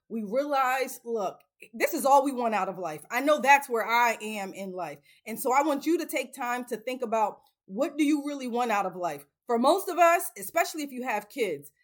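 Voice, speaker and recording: A woman in her late thirties hosting a self-help channel, giving an earnest, emphatic motivational talk to camera and repeating phrases for stress. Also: on the high side. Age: 30s.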